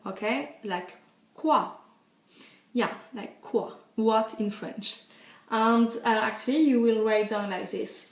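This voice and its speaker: Slow, patient woman in an echoey room. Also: mid-range voice. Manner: patient, repeats "okay?" often. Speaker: language teacher. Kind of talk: casual tutorial.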